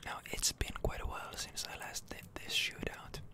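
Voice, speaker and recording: A gaming ASMR streamer gives hushed, halting game commentary in a breathy whisper, right up close to the microphone.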